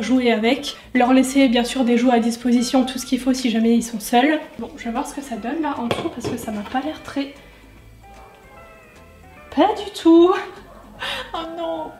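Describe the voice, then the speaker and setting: A woman's voice: fairly high pitch, darkish tone. A young woman, a lifestyle YouTuber, answering viewer questions in a casual vlog while she cooks at home, chatty and self-mocking with lots of fillers. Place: home kitchen. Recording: echoey kitchen sound.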